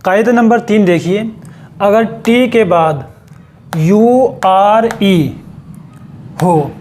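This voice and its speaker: A man's voice: high-pitched, extremely slow, darkish tone, slight background noise. A man teaching an English lesson, spelling words out letter by letter and repeating each one patiently. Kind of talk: classroom lesson.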